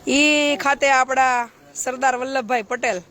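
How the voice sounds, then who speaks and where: A woman's voice: high-pitched, steady tone, unhurried, a bit bright. A woman, a charity social worker giving a blunt, preachy live-stream talk full of rhetorical questions.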